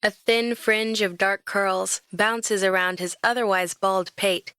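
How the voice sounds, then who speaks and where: A young adult woman narrating a first-person romance audiobook in a lively, expressive storytelling manner. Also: medium pitch, slow, clear, resonant tone, dry recording.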